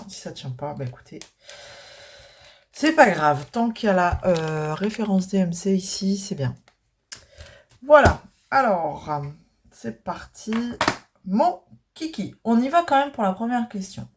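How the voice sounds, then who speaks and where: A woman's voice: on the low side, slight background noise. A woman with a northern French accent, a craft vlogger chatting casually and rambling with many hesitations while she tidies. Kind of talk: casual chat while tidying.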